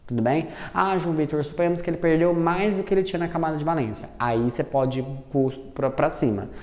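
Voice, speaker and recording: A man teaching chemistry, lively, asking and answering his own questions and spelling out each step slowly. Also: a little high. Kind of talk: classroom lesson at a board. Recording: roomy echo with long reverb.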